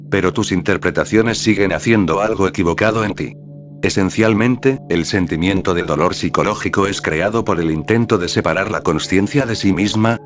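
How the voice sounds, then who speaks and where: Deep-voiced man narrating a spiritual talk. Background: faint background music.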